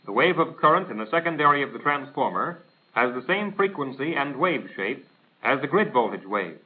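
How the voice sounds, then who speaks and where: Here an American man with a medium-pitched voice and lively intonation reads instructional narration from a script at a normal speed. His manner is formal, exact and teacherly, in the vein of a 1940s military training film, heard through a tinny, band-limited soundtrack of that era.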